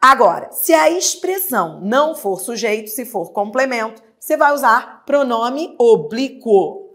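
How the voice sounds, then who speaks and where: A woman's voice: fairly high pitch, animated, fairly bright tone. A woman teacher with a Brazilian Portuguese accent, giving a grammar lesson and asking and answering her own questions. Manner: patient, drawn-out explanations, asks and answers her own questions. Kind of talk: exam-prep grammar lesson.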